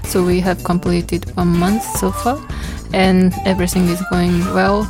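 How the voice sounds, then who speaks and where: A woman's voice: on the low side, flat delivery, measured pace, music in the background. A woman giving a spoken report on a radio program.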